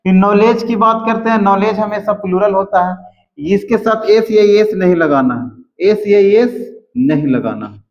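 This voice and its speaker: A man teaching English grammar, explaining slowly and repeating words as he writes out examples. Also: high-pitched. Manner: slow, repeats words while writing examples. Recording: echoey room, dull lo-fi sound.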